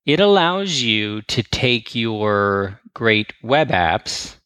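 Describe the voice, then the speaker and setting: A man's voice: on the low side, big pitch swings, very slow, a bit bright, clean tone, dry recording. A man from Texas, a guest on a tech podcast, explaining eagerly in casual chat and laughing easily.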